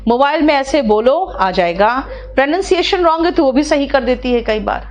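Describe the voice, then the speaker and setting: A woman's voice: sits high, expressive, normal speed. A middle-aged woman, teaching vocabulary in an online class and coaxing her students step by step. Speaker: English teacher.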